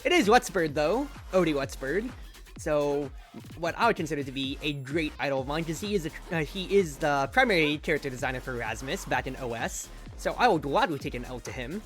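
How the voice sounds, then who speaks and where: A man streaming a game, chatting casually and rambling, with loud outbursts when the play gets exciting. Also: fairly high pitch, a little fast, faint music behind. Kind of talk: casual gameplay commentary.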